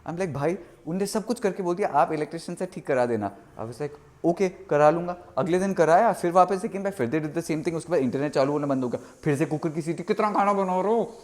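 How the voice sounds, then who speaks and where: Young guy ranting on his vlog, kinda high voice, super animated, switches hindi and english. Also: fairly quick, few pauses. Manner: animated, mixes Hindi and English, exaggerated quoting. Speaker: vlogger. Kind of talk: casual vlog monologue.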